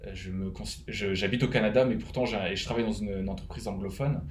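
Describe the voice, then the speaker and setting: A man's voice: lowish voice, steady tone, fast, roomy sound, slight background noise. A man from France with a French accent, casually giving advice to fellow web developers, rambling with many fillers and restarts. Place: home, living in Canada.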